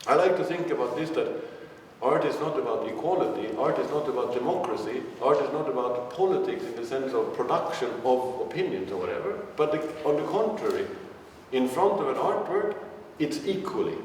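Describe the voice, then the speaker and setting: A man's voice: medium pitch, animated, a little fast, a little mellow. A man giving a live lecture, casual and irreverent, thinking aloud with frequent restarts. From Sweden. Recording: echoey hall, speaker far from the mic, faint noise.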